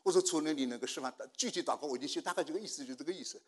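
An older man preaching a sermon, telling a personal testimony and swinging from hushed prayer to loud outbursts. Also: on the high side, rapid-fire, slightly rough. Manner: storytelling, swinging from hushed to shouting.

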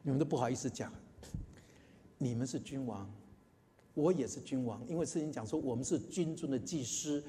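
A man's voice: medium pitch, a little fast, pauses often, warm tone, a little hiss or hum. A man preaching a sermon and telling a story, emphatic, repeating phrases and putting questions to the congregation. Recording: long hall reverb.

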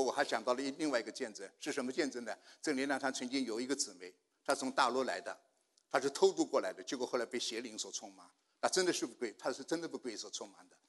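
An older man preaching a sermon, telling a personal testimony and swinging from hushed prayer to loud outbursts. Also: mid-range voice. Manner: storytelling, swinging from hushed to shouting.

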